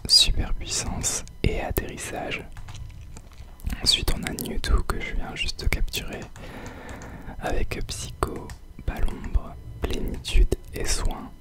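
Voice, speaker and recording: A man whispers softly, very close to the ear, as he gives ASMR gameplay commentary. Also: very high voice. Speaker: host of an ASMR gaming video.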